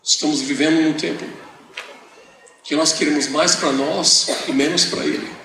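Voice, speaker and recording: A man interpreting a sermon for a visiting preacher, preaching with passion and moving between shouted emphasis and hushed asides. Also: fairly high pitch, steady tone, normal speed, creaky, a little hiss or hum. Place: large auditorium. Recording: echoey hall, voice from a distance.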